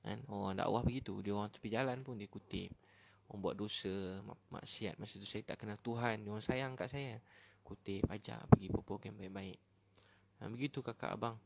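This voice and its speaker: A Malaysian man giving a casual, animated sermon as a preacher, talking directly to his listeners. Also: lowish voice, gravelly. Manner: animated, chatty, addresses listeners as brothers and sisters. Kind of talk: casual sermon to an online audience.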